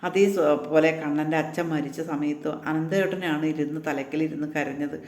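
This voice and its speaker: A man with a fairly high voice recaps a TV serial's latest episode in casual talk. He keeps an even, flat delivery and keeps throwing in little tag words for the listener. The recording sounds echoey, as if made in a bare room. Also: moderate pace. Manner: retells scenes in a flat, even flow, tagging lines with "kēṭṭō".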